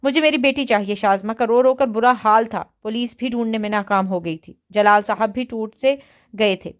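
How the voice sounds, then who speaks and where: A woman reading a romance novel aloud as an audiobook narrator, in steady storytelling narration. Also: a little high.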